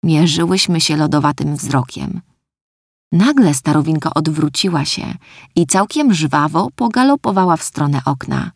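Low-voiced woman narrating a wry story. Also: animated, normal speed, gravelly, slightly rough, no echo, studio quality. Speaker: audiobook narrator. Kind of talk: first-person story narration.

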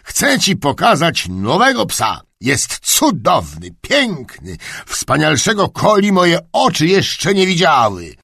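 A man voicing a grumpy, half-deaf old duke who booms and shouts in a storybook reading. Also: huge pitch swings, slow pace, gravelly, no room sound, clean studio sound, heavily acted. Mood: blustering. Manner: booming, shouting.

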